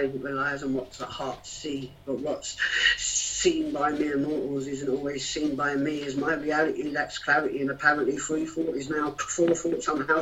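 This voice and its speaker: High-voiced man performing rhyming spoken word. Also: a bit bright. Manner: rhythmic rhyming delivery, hesitant with fillers between poems. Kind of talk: spoken-word poetry performance and casual chat. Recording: distant, dull lo-fi sound.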